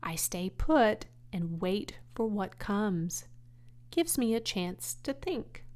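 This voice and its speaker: A woman's voice: mid-range voice, sing-song, takes it slowly, darkish tone. A woman voicing a wise, kindly female spider in a children's storybook, matter-of-fact and articulate. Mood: opinionated.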